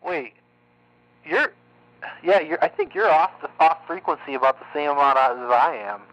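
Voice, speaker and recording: A man's voice: a little high, moderate pace, no echo. Man over a mistuned radio, muffled. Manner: relaxed, swears in passing. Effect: slightly mistuned radio sound, off frequency. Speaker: CB radio operator. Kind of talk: casual on-air radio chat. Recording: dull lo-fi radio with faint hum.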